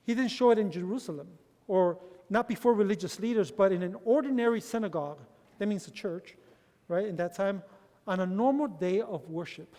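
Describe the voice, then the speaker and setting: High-voiced man preaching in a reverberant hall. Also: normal speed, mellow. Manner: preaches each point in Spanish, then repeats it in English; calls the congregation brothers. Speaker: pastor. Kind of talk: bilingual sermon.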